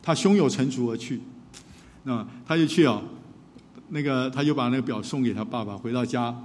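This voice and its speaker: A man, a pastor and counselor, telling a story in a sermon with lively acted-out dialogue. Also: medium pitch, a little fast. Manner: animated storyteller who acts out dialogue. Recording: long hall reverb.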